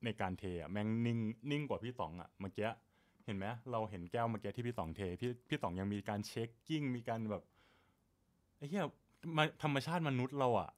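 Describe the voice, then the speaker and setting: A man's voice: mid-range voice, expressive, fairly quick. A man in casual chat, explaining coffee technique at length in crude, slangy speech. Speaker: barista.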